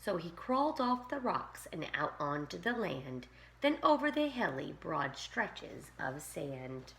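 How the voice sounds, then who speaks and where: A woman teacher reading a rhyming picture book aloud to young children in an expressive, sing-song way. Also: deep voice, a little slow, vocal fry. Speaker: pre-K teacher.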